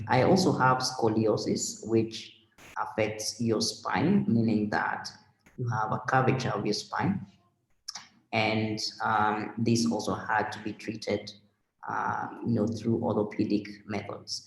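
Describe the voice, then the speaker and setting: A Kenyan man speaking slowly and carefully, pausing often between thoughts. His lowish voice carries a rough, gravelly edge. The sound comes over a video call from a roomy, echoing space. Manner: slow, measured, with many pauses and fillers. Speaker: interview guest. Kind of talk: remote video interview.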